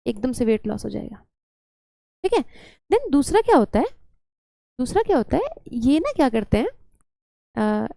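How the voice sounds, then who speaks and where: A woman's voice: a little high, creaky, dark tone, no room sound. A young woman teaching biology in a chatty, scolding lecture style, often slipping English terms into her talk.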